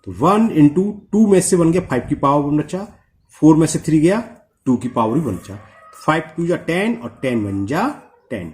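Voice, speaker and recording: A young man with a somewhat high voice teaches a whiteboard maths lesson. He talks each step through, keeps asking "what does this become?", and drags out the formulas word by word. It sounds close-miked and direct. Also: animated, darkish tone. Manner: explains step by step with many quick questions to the viewer; slows right down to read out formulas.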